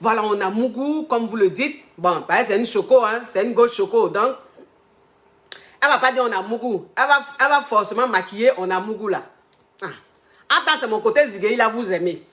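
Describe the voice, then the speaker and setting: Animated woman coach. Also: fairly high pitch, fairly quick. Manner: animated, repetitive storytelling with acted quotes. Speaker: relationship coach. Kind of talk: storytelling monologue.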